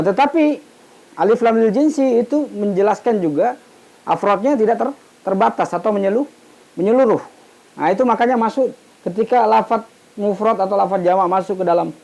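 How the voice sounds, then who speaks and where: A man with a high, slightly mellow voice teaches an informal Islamic studies lesson, explaining things and asking questions he then answers himself. He often repeats half-spoken words to complete them. The audio quality is poor.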